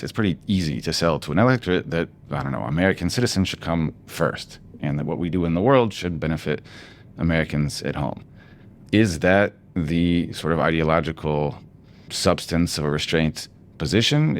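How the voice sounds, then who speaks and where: A man hosting a podcast interview, asking measured, probing questions. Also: low-pitched. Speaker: podcast host.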